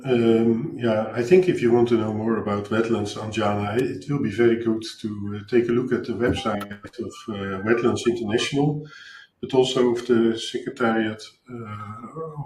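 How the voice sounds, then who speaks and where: A man's voice: on the low side, a little mellow, echoey room, a little hiss or hum, low-quality recording. A man with a Dutch accent moderating an online panel, introducing speakers with many hesitations. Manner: hesitant, filler-heavy introductions. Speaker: webinar moderator.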